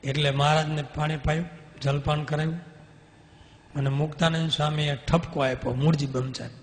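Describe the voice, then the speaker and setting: A man gives a devotional storytelling sermon. He acts out the dialogue with animation, in a fairly high voice. A long hall reverb trails behind him. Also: little pitch movement, brisk. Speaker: swami.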